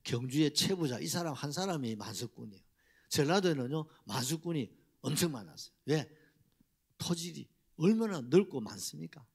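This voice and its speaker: A middle-aged man gives a Sunday sermon in a church sanctuary. His voice sits somewhat high for a man and swings widely in pitch. He keeps throwing rhetorical questions out to the congregation. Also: a little mellow, slightly rough. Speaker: pastor.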